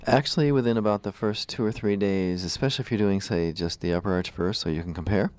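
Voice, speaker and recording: A man's voice: fairly low pitch, fast, a little mellow, no echo. A man hosting a conversational radio show, explaining things in an informal way. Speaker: radio show host, dentist.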